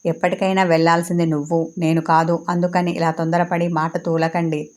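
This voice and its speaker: Woman voicing a sarcastic, taunting young female rival in a storybook; low-set voice, narrow in pitch. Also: flat delivery, fairly quick, darkish tone, natural voice.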